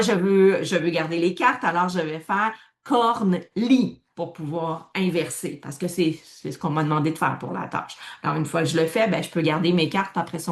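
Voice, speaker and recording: A woman walks through a card game in a relaxed, explanatory way. She thinks aloud as she goes, with plenty of fillers and restarts. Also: mid-range voice. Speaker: presenter demonstrating a card game. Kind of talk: casual explanatory demonstration.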